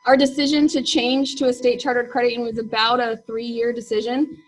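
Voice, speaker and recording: A woman's voice: fairly high pitch, level tone, a little fast, soft background music, poor audio. A woman presenting informally at a meeting as its chief executive, hesitating often with ums. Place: meeting room.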